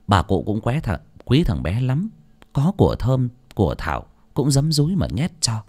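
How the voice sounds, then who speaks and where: A man narrating an audiobook story in an expressive, dramatic reading style. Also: moderate pace. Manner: expressive, dramatic reading with wide pitch swings.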